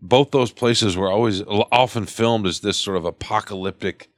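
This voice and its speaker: A man co-hosting a radio show, chatting in a lively, teasing way about old movies. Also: on the low side, moderate pace, no echo, clean studio sound. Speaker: co-host. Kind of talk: casual radio banter.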